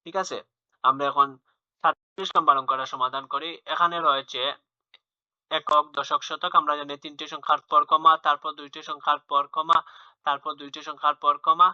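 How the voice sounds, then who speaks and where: A man's slightly high, level-toned voice moves at normal speed as he teaches young children maths, patiently repeating himself with fillers and restarts. The recording is a dull lo-fi home one, free of room sound.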